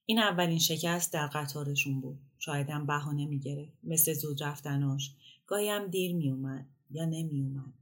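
A woman narrating a literary short story in a calm, measured reading voice. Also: deep voice. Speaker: story reader. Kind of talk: audiobook narration.

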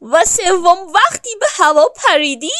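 A woman voicing a cheerful, bossy duck in a children's storybook, talking loudly in a sing-song, instructing way. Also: very high voice, lively intonation, no echo, clean studio sound, pitched above the performer's own voice.

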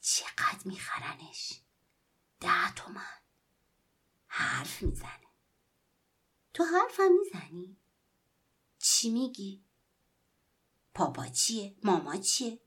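A woman voicing a poor young boy who pleads and calls out to sell a doll in the snow, with a breathy voice. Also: mid-range voice, wildly swooping pitch, pauses often, in a whisper, pitched above the performer's own voice, heavily acted. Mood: curious. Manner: pleading and calling out loudly.

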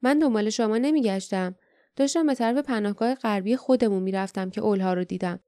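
A woman reading the part of a calm, serious young man in an audiobook, speaking slowly and earnestly. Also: mid-range voice, no room sound, clean studio sound, natural voice.

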